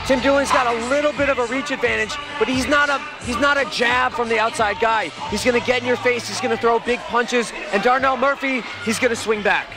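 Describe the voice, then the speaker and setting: A man's voice: very high voice, fairly even intonation, fairly quick, hardly any pauses. A man giving informal, emphatic live color commentary at a cage fight, often repeating himself for stress. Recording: loud crowd and music behind. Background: loud crowd and music.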